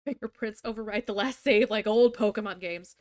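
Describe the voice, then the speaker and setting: A woman's voice: mid-range voice, a little fast, darkish tone, no room sound, studio quality. A young woman livestreaming as a VTuber, reading a visual novel aloud and breaking off into crude, joking asides. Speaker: VTuber streamer. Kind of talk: live-streamed visual novel reading with commentary.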